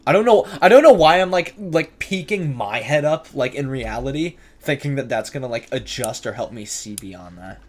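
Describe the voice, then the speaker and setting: This streamer, a man with a mid-range, animated voice, speaks at a moderate pace with hardly any pauses. He jokes his way through a horror game, nervous about scares and talking back at the characters, as background noise and keyboard typing and clicks are clearly heard.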